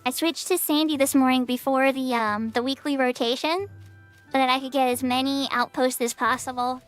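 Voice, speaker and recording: A woman streamer with a high, girlish voice in a cute anime style chats casually with her viewers as she plays. Faint music sits behind her talk. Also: fairly even intonation, normal speed, clean tone. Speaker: livestreamer. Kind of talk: casual livestream chat while gaming.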